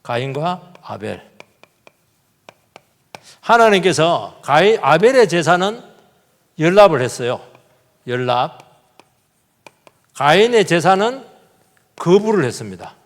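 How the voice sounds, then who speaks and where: A man's voice: a little high, big pitch swings, takes it slowly, long pauses. A man, a pastor, preaching a sermon, with rhetorical questions and acted-out quotes. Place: church sanctuary. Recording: long church hall reverb.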